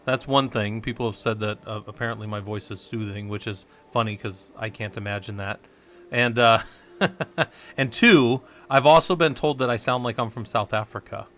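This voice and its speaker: A fairly bright, lowish male voice at normal speed: he's from the US Southwest and hosts an informal live-stream tech lesson, wandering in thought and bantering with his audience while working.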